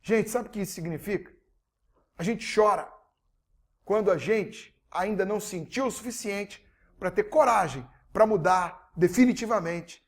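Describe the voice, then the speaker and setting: Male coach, motivational webinar, energetic, direct to audience. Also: sits high. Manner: energetic, addresses audience directly, swings between soft and loud. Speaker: behavioral coach.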